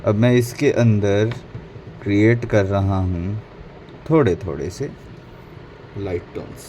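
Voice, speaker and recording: A low-pitched man talks through a painting lesson in a mellow, unhurried voice, switching between Hindi and English and catching his own slips. A faint hum of background noise sits under the recording. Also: low-quality recording. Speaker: painting instructor. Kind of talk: casual painting tutorial narration.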